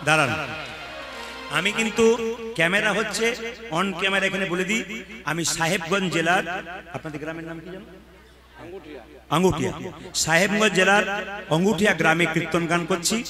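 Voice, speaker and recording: Male kirtan leader, high bright voice, live folk music behind, playful crowd banter. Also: a little fast, pauses often. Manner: playful, coaxing the crowd, laughs between lines. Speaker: kirtan singer leading a gathering. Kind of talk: devotional kirtan call-and-response with banter. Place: village kirtan gathering.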